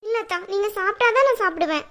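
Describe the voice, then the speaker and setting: A woman's voice: extremely high pitch, expressive, quick pace, fairly bright tone. A woman voicing a scheming young woman in a cartoon drama, who coaxes and pleads sweetly. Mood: sugary pleading.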